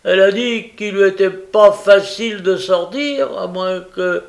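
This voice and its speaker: A man's voice: high voice, unhurried, gravelly, pitched above the performer's own voice. A man reading aloud and voicing a sly, lazy young male informer who drawls and hesitates. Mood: smug drawl. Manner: drawling, hesitant, rustic speech.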